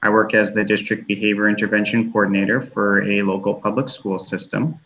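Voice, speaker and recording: A man in his thirties from Massachusetts presents to a graduate class in a somewhat low voice. He speaks slowly and haltingly. The recording sounds dull and lo-fi. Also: little pitch movement, fairly bright tone, a little hiss or hum. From Massachusetts, USA. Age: 30s.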